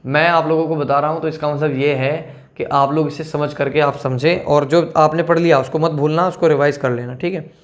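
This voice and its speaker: A man with a fairly high voice explains a syllabus to students in a casual, talky lesson. He checks in with "theek hai" after nearly every point and calls them children. His pace slows sharply whenever he reads out technical terms. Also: steady tone. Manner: switches between slow read-out terms and quick asides.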